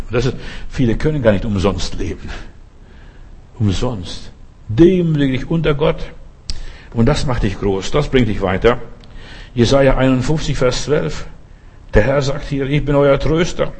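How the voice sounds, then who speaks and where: A man's voice: medium pitch, a little mellow, breathy edge. A man preaching a sermon, speaking straight to the listener with repeated rhetorical questions.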